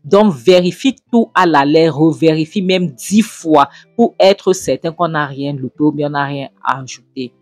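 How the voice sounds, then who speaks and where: A woman's voice: deep voice, a little slow, few pauses, no room sound. Emotional woman retelling a film. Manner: emotional, exclaiming, drops softer when moved. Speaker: movie recap host. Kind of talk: casual retelling of a film scene with commentary.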